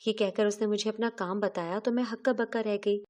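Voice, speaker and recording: A woman's voice: medium pitch, fairly even intonation, a little mellow. Woman narrating a confessional story. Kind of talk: scripted first-person story narration.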